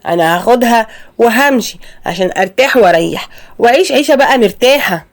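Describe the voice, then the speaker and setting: A woman's voice: fairly high pitch, animated, fast talker. Woman voicing a fed-up Egyptian husband. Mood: exasperated. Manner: firm, exasperated. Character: young husband, fed up and protective.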